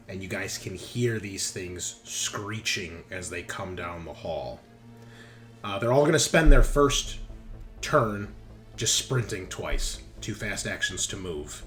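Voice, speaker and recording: A man with a low-pitched, pushed and bright voice acts as game master for a tabletop game, narrating loosely and musing aloud with casual swearing while game background music plays.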